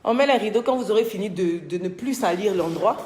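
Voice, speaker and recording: A woman's voice: medium pitch, animated, a little fast, crowd noise. A tired woman hosting a casual live stream from her unfinished villa, chatting and teasing, reading out viewer comments. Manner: chatty, teasing, scolds workers. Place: her villa under construction.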